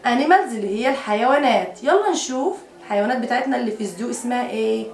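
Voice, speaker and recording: High-voiced Egyptian woman teaching English. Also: echoey room, recorded from a distance. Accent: Egyptian Arabic. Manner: drills English words slowly, quick Arabic explanations. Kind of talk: children's lesson, explaining in Arabic.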